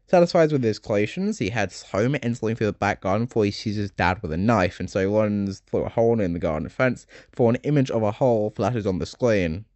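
A young man in his late teens narrating a game summary, with a lowish voice that swings through a lively, animated pitch range. He is chatty and slips in dark-humored jokes. The recording is close and dry. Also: fairly quick, hardly any pauses, no room sound. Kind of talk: video essay narration.

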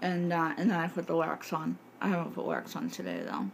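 A woman in her twenties or thirties chatting casually to camera in a halting, rambling way, her speech slightly impeded by a bite splint wired in her mouth. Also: low voice, big pitch swings, creaky. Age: 20s to 30s. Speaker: vlogger showing jaw surgery recovery. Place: home kitchen. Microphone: phone at arm's length. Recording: faint background noise, handheld device.

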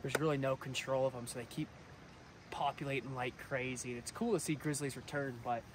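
A young man in a casual outdoor vlog, chatting excitedly to his viewers, calling them guys. His voice sits at an everyday middle pitch, caught on an action camera with a faint hiss of wind and open air behind him. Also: a little fast. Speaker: fishing vlogger. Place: riverbank outdoors, then inside a truck camper.

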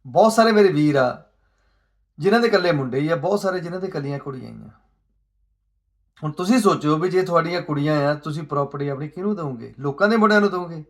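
Fast and animated, with a slightly high voice, a man gives an impassioned monologue on society. He asks rhetorical questions and swings from gentle asides to raised emphasis.

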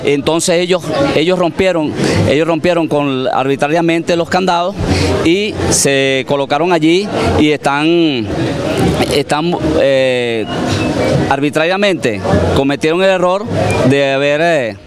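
A middle-aged man with a Venezuelan accent, speaking haltingly with many restarts in a street interview, handheld mic in a city plaza. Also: a little high, over music. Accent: Venezuelan Spanish. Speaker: cooperative member. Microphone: handheld reporter mic. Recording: crowd noise behind.

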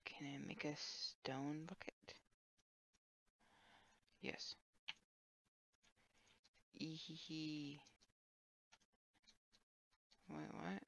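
A woman streaming a sandbox game, thinking aloud in a low-key, wry way with trailing filler words. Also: fairly even intonation, drawn-out words, long pauses, a bit bright. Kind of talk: casual gameplay commentary. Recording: dull lo-fi dry mic.

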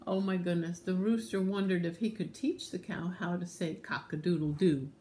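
A woman teacher reading a picture book aloud to young children, animated, with gasps and whispered asides, and speaking to the children directly to encourage them. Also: lowish voice, slight background noise.

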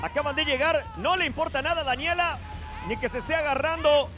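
A man commentates a game show in a very high voice, playful and exclamatory like live sports coverage. Music plays clearly behind him. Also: a little fast, a crowd in the background.

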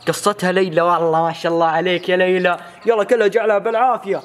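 A man giving rapid, playful, teasing commentary as he films his family. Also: high voice, little pitch movement. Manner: rapid, playful, teasing narration with many calls and repeats. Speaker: family vlogger filming his child. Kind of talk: excited running commentary on a family video.

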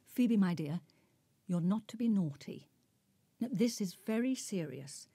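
Meddling genteel spinster, fifties, breathy, mellow, animated, period radio drama. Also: female voice, medium pitch, a little slow, no room sound, clean studio sound. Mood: chiding. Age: 50s. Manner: genteel, coaxing, fussy. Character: meddling, busybody older spinster, fussy and genteel. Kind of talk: 1940s-set radio drama acting.

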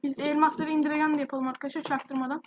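A woman's voice: sits high, flat delivery, very fast, background noise. A woman with a sore, irritated throat, chatting casually to viewers as a gaming youtuber. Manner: chatty, addresses viewers directly. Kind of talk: casual gameplay commentary.

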